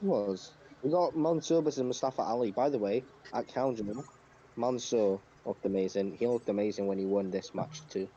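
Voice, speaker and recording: A man with a lowish, warm voice talks fairly quickly as co-host of a casual wrestling review podcast, speaking emphatically and swearing now and then. The recording comes from a dull lo-fi mic with clear background noise.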